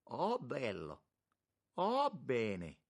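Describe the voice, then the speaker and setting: An effusive elderly bishop bursts with warm exclamations, as a male reader puts him on. The voice climbs high and swoops lively. A husky edge stays underneath. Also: takes it slowly, heavily acted. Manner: exclamatory, gushing.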